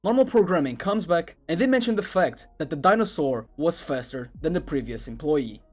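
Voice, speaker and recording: Background music sits under a man's animated, somewhat high voice as he reads scripted narration at a moderate pace. The delivery follows the style of an internet video essay.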